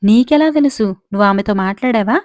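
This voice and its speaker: A woman's voice: mid-range voice, normal speed, darkish tone, dry recording, lightly acted. A woman reads the part of a fretful old servant father, chiding his son in an exasperated voice. The sound is dry and close, with no room around it. It is a storybook telling. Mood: scolding. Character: worried older male royal servant, scolding father.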